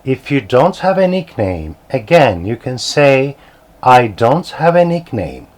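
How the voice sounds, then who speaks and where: A man with a Turkish accent teaching beginner English, slow and deliberate, spelling words out letter by letter. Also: medium pitch, sing-song, poor audio.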